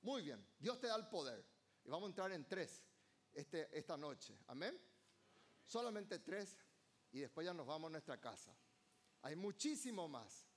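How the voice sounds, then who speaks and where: A man's voice: a little high, big pitch swings, moderate pace, pauses often. A male pastor, preaching a fervent evening sermon in church and calling on the congregation to answer him. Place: church service.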